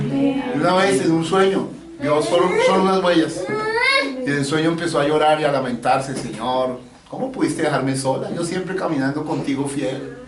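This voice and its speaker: A middle-aged man with a Colombian accent preaching a sermon and leading a prayer, in call and response with his congregation. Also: fairly high pitch. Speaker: pastor. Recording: roomy church from a distant mic. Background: congregation answering amen.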